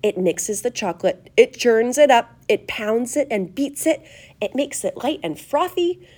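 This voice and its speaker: A woman reading the part of an eccentric, excitable male chocolate maker who gushes proudly over his creations. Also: on the high side, a little slow, voice pushed up. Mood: gushing. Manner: gushing, showy, proud.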